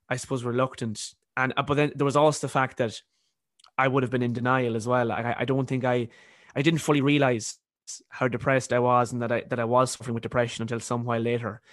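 A man in his early twenties with a softened Cavan Irish accent, speaking reflectively in an interview and repeating words as he thinks. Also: medium pitch, dry recording, clean studio sound. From County Cavan, Ireland. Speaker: podcast guest, university student.

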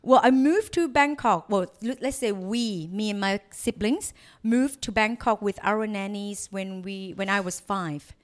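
A woman's voice: mid-range voice, unhurried, hardly any pauses. A young woman, chatting loosely as a podcast guest. She laughs often and keeps her talk playful and unguarded. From Thailand. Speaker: guest, private chef. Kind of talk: casual chat.

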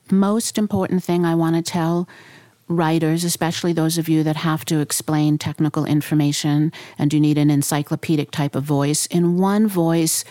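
A woman's voice: sits low, warm tone, no echo. A middle-aged woman, an author and former park ranger, answering interview questions with enthusiasm and explaining her ideas in short phrases.

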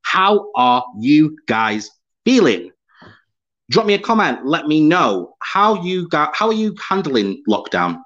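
Reading viewer comments on his live-streamed podcast, this UK man sounds cheerful and laughs a lot. He speaks slowly in a fairly high, sing-song voice that's a bit bright, captured on slightly dull lo-fi audio.

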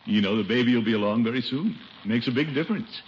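A man's voice: medium pitch, animated, quick pace, close to an everyday voice. An American man playing a pompous, fussy, genial middle-aged uncle in an old radio comedy. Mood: fussy, admonishing. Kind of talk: 1940s-50s radio comedy acting. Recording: dull noisy vintage radio recording.

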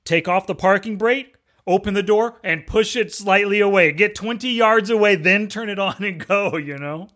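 A man's voice: sits high, moderate pace, fairly bright tone. A man co-hosting a podcast in casual chat, steadily laying out life lessons. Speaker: podcast co-host.

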